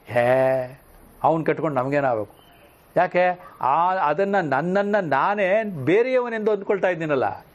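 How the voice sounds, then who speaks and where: Male scripture teacher, lively questioning delivery, fairly high voice. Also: dull audio. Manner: animated, often asks the listeners questions. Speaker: spiritual teacher. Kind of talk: discourse on scripture.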